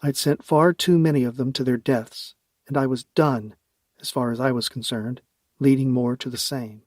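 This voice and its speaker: A man's voice: mid-range voice, steady tone, normal speed, a little mellow, dry recording. A man narrating a science fiction audiobook in the first person, with a wry, dry humor.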